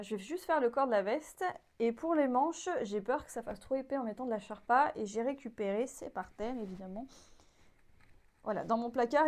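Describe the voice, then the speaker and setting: A woman's voice: on the high side, a little mellow. A woman hosting a sewing vlog, talking casually and candidly with frequent hesitations as she gives a critical review. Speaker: sewing channel host.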